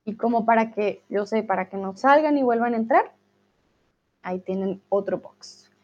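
A woman's voice: a little high, moderate pace. A woman teaching a language class on a live stream, patiently explaining and chatting with viewers. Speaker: Spanish teacher. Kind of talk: live-streamed lesson reading chat. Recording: dull lo-fi stream audio.

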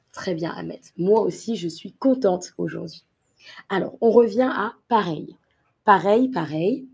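Slow, breathy woman teaching French. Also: fairly low pitch, a little mellow. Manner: slow and deliberate, repeats each word and example for learners; greets viewers in the chat by name. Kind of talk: live online vocabulary lesson.

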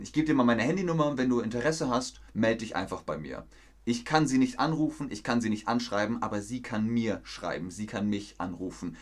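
A young man teaching a live-stream language lesson, explaining slowly and in a friendly way with example phrases. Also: lowish voice, fairly bright tone.

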